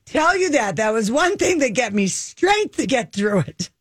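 A woman's voice: a little high, sing-song, measured pace, husky, dry recording, studio quality. A middle-aged woman chatting casually as a talk show host, giving relationship advice in a candid, bawdy, joking way.

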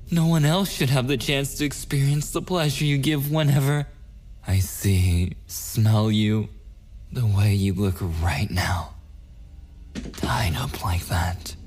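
A male actor with a deep, darkish voice plays a possessive, obsessive, menacing young boyfriend in an intimate ASMR audio roleplay. He slips into breathy whispers, and the mood is quietly menacing.

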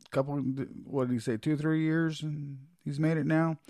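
A man's voice: a little high, steady tone, normal speed, creaky, warm tone, no room sound, studio quality. A man co-hosting a casual talk show, easygoing and fond of folksy phrases. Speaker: podcast co-host. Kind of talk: casual chat.

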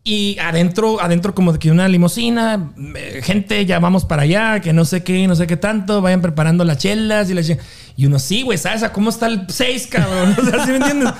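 A man's voice: sits high, a little fast, creaky. A man with a Mexican accent recounting a concert in casual chat, acting out the voices of the people he quotes. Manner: animated storytelling, acts out quoted voices.

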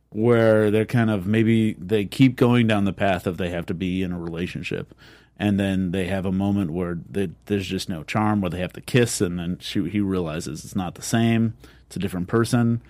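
A man co-hosting a casual TV review podcast, chatty with quick reactions and asides. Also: on the low side, mellow, no room sound. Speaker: podcast co-host.

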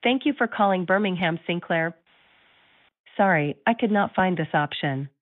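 A woman's voice: on the low side, lively intonation, normal speed. A woman reading recorded phone menu prompts in a polite, scripted way, heard over a landline phone. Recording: tinny phone line.

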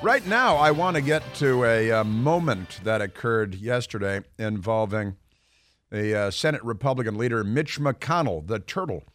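A man's voice: mid-range voice, lively intonation, moderate pace, a bit bright, faint music behind. A man with an American accent hosting opinionated political talk radio, speaking in emphatic phrases on a close studio microphone.

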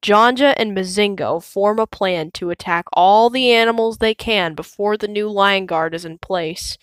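A woman reading a children's storybook aloud, slow, clear and measured. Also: medium pitch, dry recording. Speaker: storybook reader.

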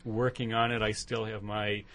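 Calm, reflective man on radio. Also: on the low side, moderate pace. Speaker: workshop leader, guest. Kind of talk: radio interview.

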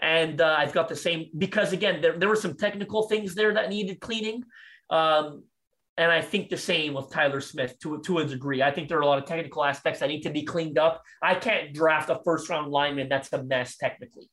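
A man's voice: on the high side, a bit bright. A man talking football draft prospects on a podcast, enthusiastic and restarting often, a little out of breath. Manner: fast, enthusiastic, many restarts. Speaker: draft analyst guest. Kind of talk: podcast sports talk.

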